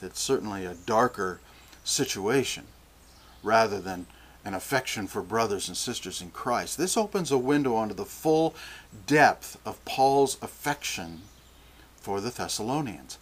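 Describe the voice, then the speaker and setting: An older man preaching a sermon, slow and deliberate, often restarting his phrases. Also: mid-range voice.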